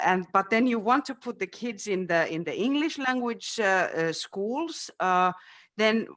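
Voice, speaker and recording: This high-pitched, bright man has a forceful tone. He's from Finland, a native Finnish speaker playing a city education official in a webinar discussion on a video call, and he hesitates often, filling gaps and starting over.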